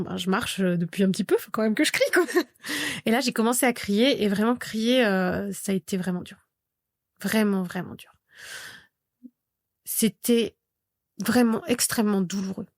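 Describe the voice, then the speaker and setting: A woman's voice: medium pitch, a little mellow, dry recording, studio quality. Woman in her thirties telling a story. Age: 30s. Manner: vivid narrator who acts out remembered dialogue. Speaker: podcast guest. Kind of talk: personal storytelling in a podcast interview.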